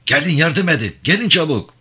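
A man's voice: lowish voice, animated, moderate pace, sharp tone. A man voicing a simple-minded, boastful rural militia commander who talks in an earnest, pleading way. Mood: frantic crying out.

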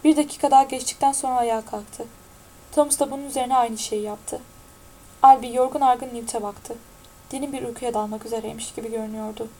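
A woman narrating an audiobook in a steady, even-toned reading. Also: fairly high pitch, a little fast, a little hiss or hum, low-quality recording.

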